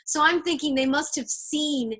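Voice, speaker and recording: The interview host is a woman whose high, slightly bright voice moves at an ordinary speed. She runs a relaxed video-call conversation, eagerly swapping stories in an animated, chatty manner.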